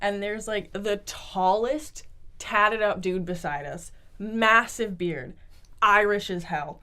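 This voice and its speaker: A woman co-hosting a podcast, telling an animated festival story in casual chat and swearing freely. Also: mid-range voice, slow. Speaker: podcast co-host.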